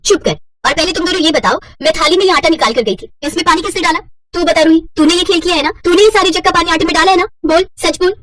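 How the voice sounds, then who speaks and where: A woman's voice: very high voice, fast, far from the mic, a little hiss or hum, pitched above the performer's own voice. A woman voicing a quarrelsome, suspicious young mother in a cartoon story. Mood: scolding. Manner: sharp, suspicious.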